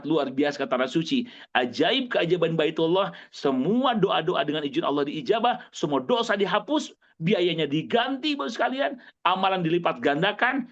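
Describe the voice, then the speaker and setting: A man preaching to his audience, emphatic and repetitive, swinging between high exclamations and low, earnest stretches. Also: a bit bright. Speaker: Islamic preacher. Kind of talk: motivational religious talk to an audience. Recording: dull lo-fi recording.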